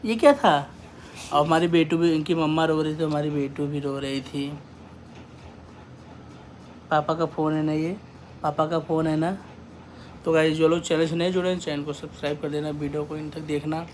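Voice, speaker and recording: A man filming a casual family vlog at home on his phone, consoling his family and talking gently to his small child. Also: on the high side, little pitch movement, moderate pace, long pauses, slight background noise. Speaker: vlogger, father. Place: home, indoors. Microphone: handheld phone.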